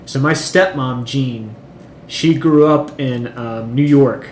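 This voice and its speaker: A man's voice: medium pitch, takes it slowly. A man co-hosting a podcast, chatting casually and rambling, with frequent ums and swearing. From Chile. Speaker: podcast co-host. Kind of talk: casual chat. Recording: echoey room, faint noise.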